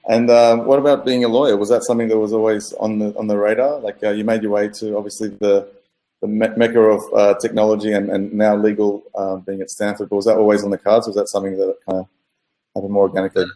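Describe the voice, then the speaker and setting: Low, mellow-voiced podcast host. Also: male voice, flat delivery, fast. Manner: rambling questions with many fillers. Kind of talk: casual interview.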